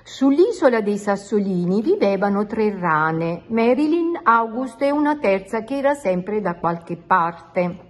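A woman reading a picture book aloud to children in an expressive storytelling manner. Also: medium pitch, a little slow, few pauses. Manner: animated, expressive.

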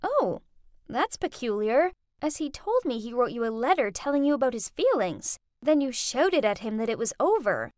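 A woman voicing a friendly, chatty young woman, a sister who talks frankly in an animated story. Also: fairly high pitch, moderate pace, dry recording, clean studio sound.

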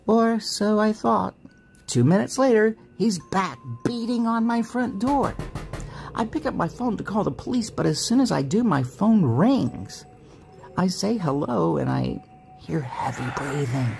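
A woman reading a story aloud in a dramatic, expressive way. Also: fairly low pitch, takes it slowly, vocal fry, soft background music. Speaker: story narrator.

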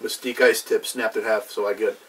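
Youngish guy casually reviewing, lowish voice, keeps stumbling for words, mic a bit far off. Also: flat delivery, fairly bright tone. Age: young adult. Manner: halting, filler-heavy, searching for words. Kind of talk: casual unscripted review chat. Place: small cluttered indoor room with brick wall. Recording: distant mic, background noise.

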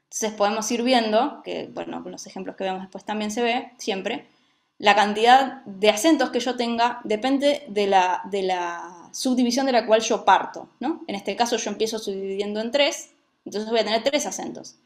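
A woman's voice: mid-range voice, moderate pace. A woman teaching a music lesson, who explains patiently and often checks that her students follow.

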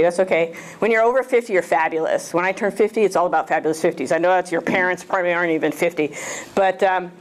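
The audio is poor, but a lowish-voiced woman in her fifties can be heard giving a casual, jokey club talk as a guest speaker in a small lecture room, using a handheld mic and often asking the audience questions.

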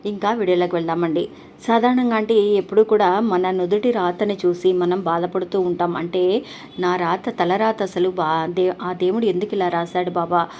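A woman's voice: lowish voice, fairly even intonation, moderate pace, darkish tone, a little hiss or hum. A woman hosting a devotional channel, telling a story in an earnest, polite way with frequent restarts.

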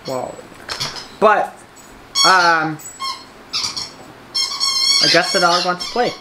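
Low-voiced woman vlogging casually. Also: very slow, heavy background noise. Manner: easygoing, full of fillers. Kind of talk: casual taste-test video.

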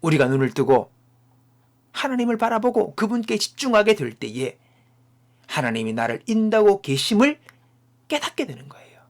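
A man preaching a sermon as a pastor and closing in prayer, speaking in short emphatic phrases and dropping into hushed whispers. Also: high-pitched, very animated. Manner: swings from loud declarations to hushed whispers; slow, emphatic phrasing broken into short pieces.

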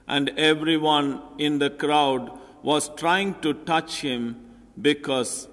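An older man, a priest, reading scripture and preaching solemnly with measured phrasing in the echo of a large church. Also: a little high, fairly bright tone. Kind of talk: solemn gospel reading and homily. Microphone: lectern gooseneck microphone. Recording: echoey church hall, long reverb.

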